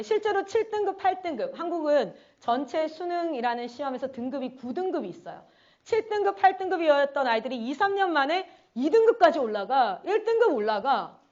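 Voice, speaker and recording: A woman's voice: high voice, a little mellow, dull audio. A woman missionary giving a conference sermon, telling stories animatedly and acting out her students' voices. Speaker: missionary speaker.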